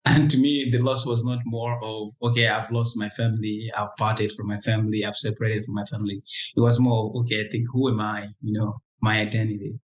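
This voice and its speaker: A man's voice: on the low side, level tone, low-quality recording. Reflective man from Congo telling his story. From Democratic Republic of Congo. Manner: reflective, halting, many restarts and "you know". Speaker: interview guest. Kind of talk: personal storytelling in an interview.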